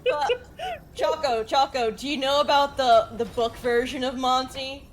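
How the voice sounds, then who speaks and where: A woman with a fairly high voice streams a game and chats casually as she plays. She tells things in an animated, storytelling way. Some background noise sits behind her. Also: unhurried. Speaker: gaming streamer. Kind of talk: casual chat and commentary over gameplay.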